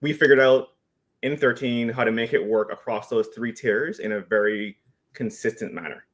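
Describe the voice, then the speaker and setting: A man on a software team chatting loosely and joking on a live video call Q&A. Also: medium pitch, normal speed. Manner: loose, joking, many restarts. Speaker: engineering team member. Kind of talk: casual live Q&A chat.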